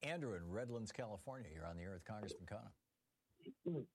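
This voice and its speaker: A male radio talk show host with a smooth radio-host delivery, briskly introducing callers on a call-in show. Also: fairly low pitch, animated, noisy background.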